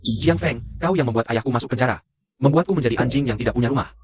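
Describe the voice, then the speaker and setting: A man's voice: mid-range voice, rapid-fire, a little mellow, slightly rough, dry recording, natural voice. A man voicing a vengeful young man in a dubbed drama, threatening.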